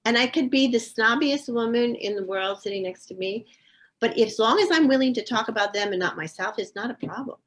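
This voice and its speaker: An older woman, an astrologer interviewed as a guest, talks a lot in an emphatic, self-assured way during a casual conversation. Her voice sits a little high and moves fairly quickly.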